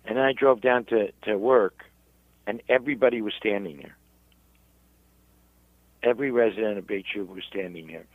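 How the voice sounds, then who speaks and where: A man, a rabbi, telling his story in an interview in halting, self-repeating speech. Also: on the low side, no room sound, phone-quality sound. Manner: halting, repeats words while searching. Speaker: rabbi and guest.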